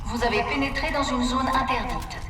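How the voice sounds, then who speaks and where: Cold security announcer over a distant, echoing loudspeaker. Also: female voice, sits high, fairly even intonation, moderate pace, very noisy. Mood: stern. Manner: formal, clipped warnings. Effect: outdoor loudspeaker announcement. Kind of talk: game voice acting. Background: loud game music and gunfire.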